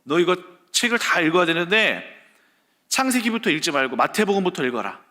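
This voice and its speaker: A man's voice: high-pitched, very animated, fairly quick, bright, forceful tone, exaggerated voice. A man acting out a firm middle-aged woman evangelist who gives blunt, commanding orders. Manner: commanding, matter-of-fact.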